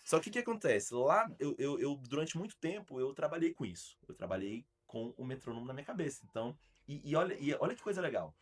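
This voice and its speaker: Animated Brazilian man hosting a podcast. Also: mid-range voice, fast, few pauses. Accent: Brazilian Portuguese. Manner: animated, emphatic storyteller with frequent restarts. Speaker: podcast host and arts school founder. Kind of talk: casual podcast chat.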